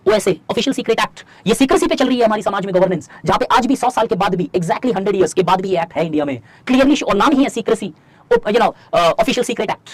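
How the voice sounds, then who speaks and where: Brief: male exam tutor, husky, lively pitch, dry close sound, rapid talk broken by slow dictation. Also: no echo. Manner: fast in Hindi, slow dictation in English; animated, asks students rhetorical questions. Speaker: civil services exam teacher. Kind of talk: online class lecture.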